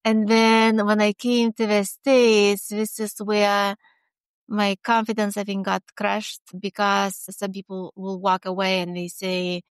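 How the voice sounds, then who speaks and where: A woman in her forties from Lithuania with a Lithuanian accent, a guest talking earnestly in a casual interview, in quick bursts with restarts. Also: mid-range voice, flat delivery, clean tone, no room sound. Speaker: guest, HR consultant.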